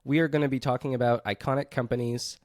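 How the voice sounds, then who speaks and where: A man co-hosts a podcast in an easygoing chat, steering the conversation with a relaxed, amused manner. His voice sits at an ordinary middle pitch. The sound is dry and close, with no room echo. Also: quick pace. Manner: relaxed, laughs often, leads the talk. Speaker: podcast co-host. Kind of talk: casual chat.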